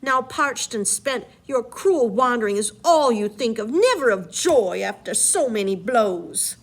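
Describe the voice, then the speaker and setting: A woman's voice: on the high side, lively intonation, measured pace. A woman voicing the immortal enchantress Circe, reading her lines aloud in a raised, dramatic way. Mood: commanding.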